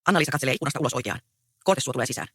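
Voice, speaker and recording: A reader reading the stage directions of a play aloud in a plain, even way. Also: mid-range voice, slightly rough, no echo, studio quality.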